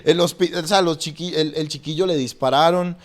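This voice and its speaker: Pastor, lively storyteller. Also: male voice, a little high, fairly quick. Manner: lively, restarts sentences often, acts out quoted voices. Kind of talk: animated storytelling and preaching in a podcast conversation.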